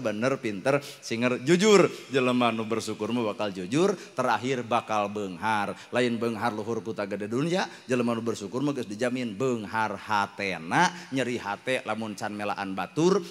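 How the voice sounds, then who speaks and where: A middle-aged man preaching a lively, humorous sermon with a Sundanese accent, often acting out quoted people in a raised voice. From West Java, Indonesia. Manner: lively, jokey, acts out quoted wives and angels in high voices.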